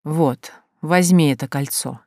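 A woman voicing a cold, menacing otherworldly man in an audiobook, speaking slowly and sinking to a hushed, drawn-out tone. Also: sits low, no room sound, studio quality. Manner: slow, drawn-out, dropping to a hush.

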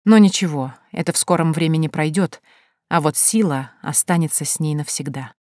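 Low-voiced woman narrating an audiobook. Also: moderate pace, dark tone, no room sound, clean studio sound. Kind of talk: scripted narration.

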